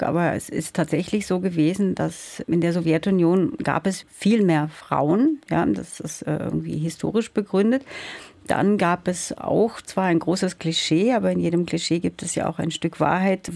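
Thoughtful gravelly-voiced woman author. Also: fairly low pitch, darkish tone, dry recording. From Soviet Union. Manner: thoughtful, searching, with hesitations. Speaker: novelist guest. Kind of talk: radio interview.

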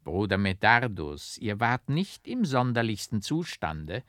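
A man's voice: on the low side, very animated, unhurried, a bit bright, dry recording, clean studio sound. A man voicing a foolish, flamboyant barber who talks in flowery, mock-dramatic phrases in an audiobook. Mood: grandiloquent. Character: foolish, flamboyant male barber, theatrical and whimsical. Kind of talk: audiobook character voice.

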